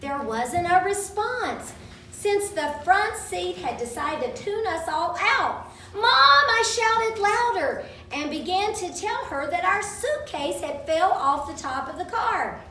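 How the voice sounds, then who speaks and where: A woman with a very high, bright, forceful voice reads a childhood story aloud to children at a live event, slowly and with lively intonation, acting out quoted speech dramatically. The distant microphone picks up a roomy sound in a large room with faint background noise.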